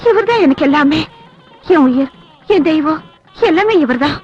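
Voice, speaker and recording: An earnest young bride. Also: female voice, sits high, animated, moderate pace, a little mellow, lo-fi sound, soft background music. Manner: earnest, emphatic. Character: young bride, devoted to her lover.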